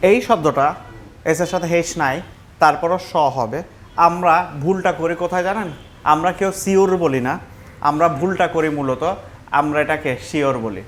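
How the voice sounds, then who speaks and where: A man with a Bangladeshi accent teaching English pronunciation in a classroom, repeating words slowly and mixing English phrases into his explanations. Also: on the high side, fairly bright tone, slight background noise. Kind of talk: classroom lesson.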